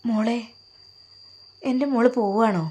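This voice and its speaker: A pious, loving older mother, played by a woman, gives tender, sorrowful advice. The tone is warm and mellow, like an audio storybook. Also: fairly high pitch, fairly even intonation, unhurried, husky.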